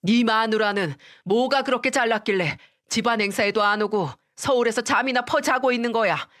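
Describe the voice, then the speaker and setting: A woman's voice: a little high, fairly quick, fairly bright tone, voice pushed up, close to an everyday voice. A woman voicing an angry elderly father-in-law who scolds his son in a raised voice. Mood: furious.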